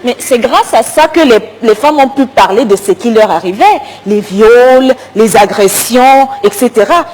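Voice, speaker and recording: A woman with a West African French accent plays an advisor in a comedy sketch. She explains herself slowly and insistently in a fairly high voice. Light background noise sits behind her. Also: lively intonation, darkish tone. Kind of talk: staged comedy sketch dialogue.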